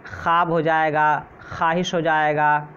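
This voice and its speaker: A man's voice: on the high side, normal speed. A man teaching an exam-prep lesson who goes through quiz answers, repeats each question and keeps checking in with his listeners. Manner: repeats questions and says "theek hai" often. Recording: slightly dull, faint noise.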